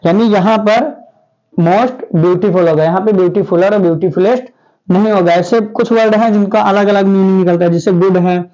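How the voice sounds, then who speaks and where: High-pitched guy teaching grammar in class, keeps asking then answering himself, muffled lo-fi sound. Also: fairly even intonation, normal speed, dark tone. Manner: asks the class questions and answers them himself.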